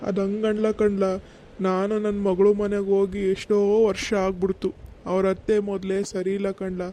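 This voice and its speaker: A man's voice: sits high, completely flat delivery, moderate pace, warm tone, lightly acted. A man voicing Rangajja, a fretful old village grandfather. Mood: sorrowful. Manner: folksy, rambling village talk.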